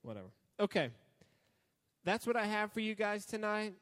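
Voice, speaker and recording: A young man preaching to a youth group in a relaxed, joking way. His voice sits a bit high, and his words ring out with a long reverb in a big church hall. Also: normal speed. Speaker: youth pastor. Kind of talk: casual youth sermon.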